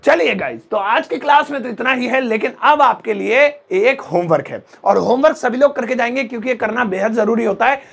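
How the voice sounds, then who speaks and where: Young guy teacher, highish gravelly voice, jokey chatty lesson, stretches out his example lines. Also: lively intonation, fairly bright tone. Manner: joking, drawn-out example phrases, chatty asides. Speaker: English teacher. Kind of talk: playful Hindi English lesson.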